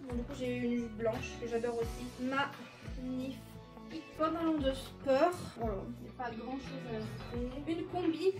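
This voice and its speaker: A chatty woman tells an embarrassing story straight to her viewers while sorting her wardrobe, her voice high and lively. She sits a little back from the mic in an echoey room, with faint music underneath. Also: far from the mic. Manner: chatty, animated, addresses viewers directly. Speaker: vlogger. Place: bedroom with wardrobe.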